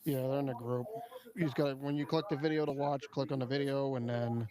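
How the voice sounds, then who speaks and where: A man's voice: medium pitch, steady tone, quick pace, crowd noise, poor audio. A man hosting a casual live-stream chat about football, laid-back and swearing freely. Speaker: stream host.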